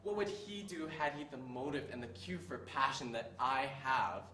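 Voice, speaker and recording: A man's voice: mid-range voice, moderate pace, close to an everyday voice. A teenage boy playing a tormented young prince, reciting a stage monologue that swings from brooding to raging, recorded from a distance in an echoey hall. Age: teens. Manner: builds from brooding quiet to raging shouts. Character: tormented young prince, bitter and self-reproaching. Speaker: student in a monologue contest. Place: school hall. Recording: echoey room, distant mic, faint hiss.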